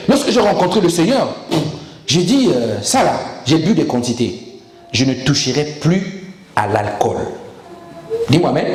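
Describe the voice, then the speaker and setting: A man pastor preaching a sermon, emphatic and animated and calling for amens. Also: high voice, echoey room, low-quality recording.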